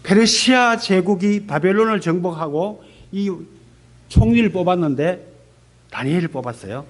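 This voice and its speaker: A man in his fifties, a missionary pastor, gives an animated testimony sermon in a church service and puts questions to the congregation. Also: high-pitched, normal speed. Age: 50s.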